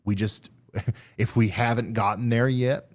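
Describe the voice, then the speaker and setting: A man hosting a live severe weather stream, talking through radar updates in a halting, thinking-aloud way. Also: mid-range voice, steady tone.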